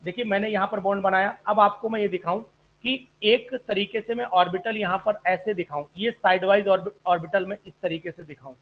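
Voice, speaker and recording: Man, chemistry teacher, high voice, polite, online class, phone-like sound. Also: fairly even intonation, fairly quick. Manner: polite, addresses students as sir, asks questions.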